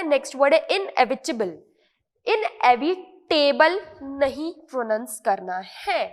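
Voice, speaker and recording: A high-voiced Indian woman teaches English words in an online lesson. She explains patiently, repeats each word and keeps checking that it is clear. A long reverb trails behind her voice. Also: a bit bright.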